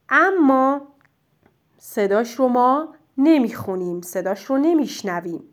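A woman teaching a child spelling, dictating words slowly and clearly and praising their answers. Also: a little high. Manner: slow, drawn-out dictation of single words; gentle, encouraging teacher talk.

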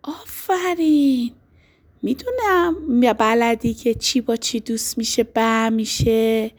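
A woman teacher with a fairly high voice runs a dictation lesson for small boys. She praises them over and over in a fond, encouraging way. She stretches each letter and word out slowly. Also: a little mellow, husky. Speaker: primary school teacher.

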